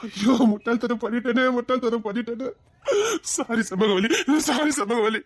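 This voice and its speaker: A frantic young man, begging and wailing to be believed, speaking with a Tirunelveli Tamil accent , as a woman acts him out. The voice sits fairly high and the recording is dry and close. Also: normal speed, no echo, natural voice. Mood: frantic pleading. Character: panicked young male boyfriend, pleading and guilt-ridden.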